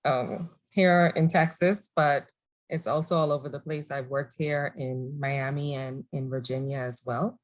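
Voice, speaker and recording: A woman from the Bahamas, answering interview questions in a measured, thoughtful way and laughing easily. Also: very deep voice, fairly even intonation. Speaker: guest entrepreneur. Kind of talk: conversational interview.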